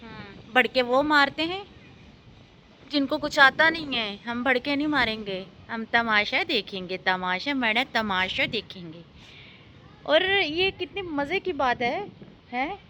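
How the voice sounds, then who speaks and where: A young woman with a Pakistani accent chats outdoors for her vlog in a mocking, teasing tone. Her voice sits high and sounds bright and sharp. Faint outdoor ambience hums underneath. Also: animated, unhurried, a little hiss or hum. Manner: mocking, sarcastic, teasing banter. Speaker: vlogger. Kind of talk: casual chatty vlog.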